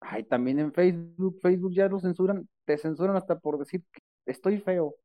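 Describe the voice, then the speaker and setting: A Mexican man gripes and swears through casual banter in a somewhat high voice. His audio comes through thin and tinny, like a phone line. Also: normal speed. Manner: complaining, swears often.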